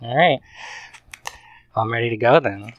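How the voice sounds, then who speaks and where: A man's voice: medium pitch, normal speed, highs cut off. Casual male talker, mid register, conversational. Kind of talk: casual chat.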